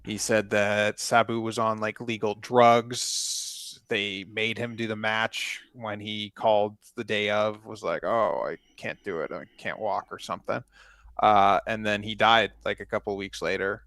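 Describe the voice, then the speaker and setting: A man's voice: fairly low pitch, level tone, unhurried, fairly bright tone, smooth, no echo. A man co-hosting a wrestling podcast, rambling through a story with sarcastic asides. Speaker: podcast co-host. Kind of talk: casual chat.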